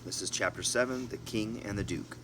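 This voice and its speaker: With a fairly low voice and a slightly fast pace, an amateur audiobook reader works through a storybook in a relaxed way, adding asides. He sometimes stumbles and corrects himself, and the noisy home recording carries a steady hum.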